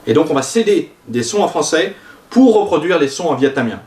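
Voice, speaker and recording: A man teaching a language lesson, explaining vowel sounds and drawing out example words slowly. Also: on the high side, very animated, darkish tone, distant mic. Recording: roomy sound, voice a bit off-mic.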